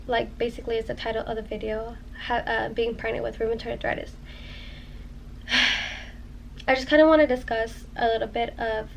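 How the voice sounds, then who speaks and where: A woman's voice: on the high side, fairly bright tone, a little hiss or hum, low-quality recording. A pregnant woman in her twenties chatting casually to her vlog viewers, rambling with lots of "um" and "like". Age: 20s. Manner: rambling, many "um" and "like". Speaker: vlogger. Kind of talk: casual chat to camera.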